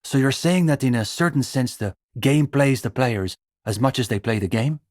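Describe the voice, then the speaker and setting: In this video game dialogue, a young actor plays a studious, sincere communist student, idealistic yet a touch patronizing, whose speech comes in careful, halting, scholarly phrases. The mood is condescending and academic. His medium-pitched, slightly mellow voice sounds natural, captured at studio quality without echo.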